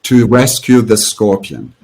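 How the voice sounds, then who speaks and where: A man's voice: lowish voice, measured pace, slightly rough, heavily acted. A man voices a serene old master in a spoken parable. He answers simply and evenly, without any alarm in his voice. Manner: calm, matter-of-fact. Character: calm wise old male master, serene.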